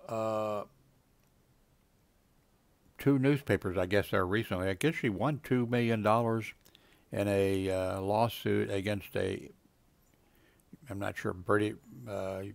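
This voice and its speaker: This video blogger, a man in his seventies, reads web pages aloud at his home computer and wanders into casual, filler-heavy asides that trail away. His voice is lowish and gravelly, with no echo on the recording.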